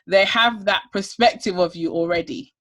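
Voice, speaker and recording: A woman's voice: medium pitch, moderate pace, fairly bright tone. A woman co-hosting a candid discussion podcast, making her case emphatically and point by point. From United Kingdom. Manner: emphatic, lays out points one by one. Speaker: podcast co-host.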